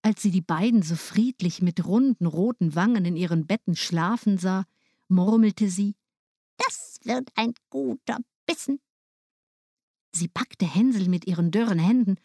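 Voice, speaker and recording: A woman reading a fairy tale aloud, in a lively, expressive way. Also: mid-range voice, moderate pace, slightly rough, no room sound, clean studio sound. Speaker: storyteller.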